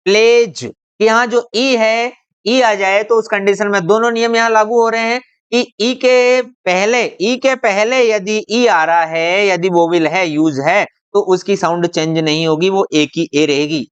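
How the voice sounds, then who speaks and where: A teacher explaining a lesson in a patient, repetitive way. The teacher poses questions to the viewer, answers them, and draws out example words slowly. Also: medium pitch, steady tone, clean tone, muffled recording. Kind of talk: classroom-style explainer video.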